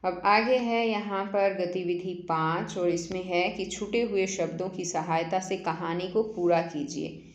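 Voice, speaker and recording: A woman's voice: fairly low pitch, fairly even intonation, measured pace. A woman teaching a children's workbook lesson, patiently explaining step by step and asking the class questions. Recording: echoey room, dull lo-fi sound.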